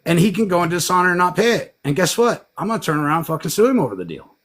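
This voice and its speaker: A man hosting a casual livestream chat, telling profane, animated stories with incredulous outbursts. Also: high voice, very fast. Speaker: livestream host.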